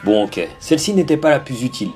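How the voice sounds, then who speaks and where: A man's voice: mid-range voice, very animated, fast. A man presenting anime trivia in a playful, scripted vlog style, asking the audience rhetorical questions. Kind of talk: energetic scripted vlog narration. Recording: music bed under the voice.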